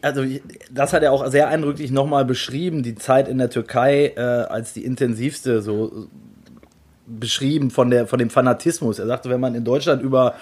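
Male host, medium pitch, casual chat, chained clauses, frequent tag questions. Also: steady tone, normal speed, darkish tone, husky. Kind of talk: casual chat about football.

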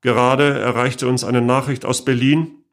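A man's voice: mid-range voice, level tone, measured pace, lightly acted. A man voicing a radio newsreader who reads a police report in a plain, matter-of-fact way. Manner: matter-of-fact bulletin reading.

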